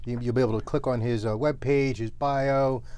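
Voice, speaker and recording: A man's voice: mid-range voice, moderate pace, clean tone. Easygoing male podcast host. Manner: relaxed, filler-heavy wrap-up talk. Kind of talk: casual interview chat.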